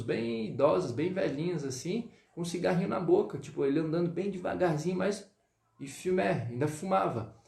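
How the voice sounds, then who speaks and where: A man teaching French in a live online lesson, greeting viewers and drilling pronunciation slowly. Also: a little high, creaky, warm tone, echoey room. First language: Portuguese.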